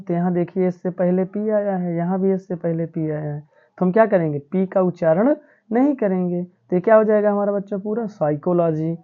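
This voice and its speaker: A woman teacher explaining English spelling rules to students in a patient, repetitive classroom manner. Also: mid-range voice. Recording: tinny phone-like audio.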